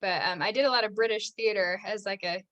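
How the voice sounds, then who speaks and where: A fast, somewhat bright woman's voice at medium pitch belongs to a young American actress appearing as a podcast guest. Her casual interview talk is chatty, laced with "like" and frequent laughter.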